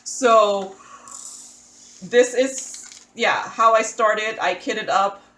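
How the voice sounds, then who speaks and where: Sitting at a table indoors, a Filipina crafting channel host talks through her craft setup in a relaxed voice-over, poking fun at herself and restarting now and then. She has a mid-range, fairly bright voice and speaks extremely slowly. The sound is reverberant and the recording rough.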